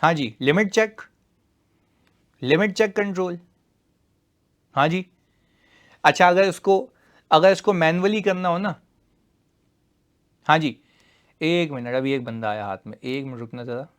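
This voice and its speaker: A male teacher with a slightly high voice, running a live online class. He is playful and teasing with his students, jumping from loud emphasis to quiet asides. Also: unhurried, long pauses.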